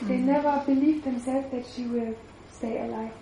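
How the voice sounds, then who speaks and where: A woman interprets a testimony live in a church, stopping often to search for the right word. Her voice is high. The hall gives it a roomy echo. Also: steady tone, dark tone, a little hiss or hum. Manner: halting, searches for words with many fillers.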